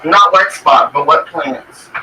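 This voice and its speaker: A man's voice: fairly high pitch, slow, far from the mic. A man chatting casually on a live stream, his voice coming through a poor microphone that makes it sound tinny and metallic. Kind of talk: casual chat. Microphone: cheap microphone over an online streaming call. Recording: tinny call audio with faint noise.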